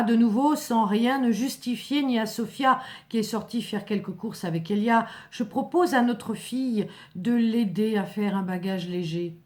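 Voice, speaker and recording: A woman reads a first-person literary story as a dramatic narrator, in a solemn, earnest manner. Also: medium pitch.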